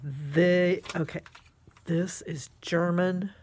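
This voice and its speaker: Speaking extremely slowly in a steady tone, this woman has a lowish, darkish voice, and a slight hiss or hum is audible. She's a craft vlogger, congested and snotty-nosed, rambling casually as she displays craft items and gushes over them in an exclamatory way.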